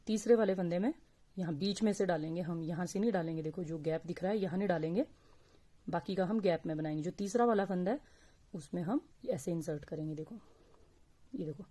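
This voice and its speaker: A woman teaching crochet step by step, speaking slowly and patiently and counting stitches aloud. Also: on the low side, dark tone. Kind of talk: step-by-step crafting tutorial.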